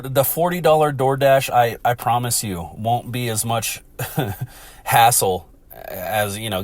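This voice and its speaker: A man's voice: medium pitch, no echo. Stuffy-nosed American man chatting casually. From Texas, United States. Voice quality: stuffy, congested nasal voice. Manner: rambling, profane. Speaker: podcast host. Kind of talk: casual solo sports chat.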